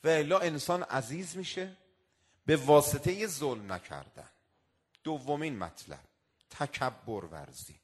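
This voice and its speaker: A man's voice: fairly high pitch, lively intonation. A male cleric delivering a sermon, building into emphatic declamations and reciting Arabic quotations. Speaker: cleric preacher.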